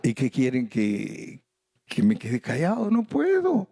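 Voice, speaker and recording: A man's voice: medium pitch, very animated, takes it slowly, vocal fry, warm tone, no room sound, clean studio sound. Older man, pastor, emphatic sermon, mid-range voice, acts out dialogue. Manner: emphatic preaching that acts out conversations, voice leaping up for stress.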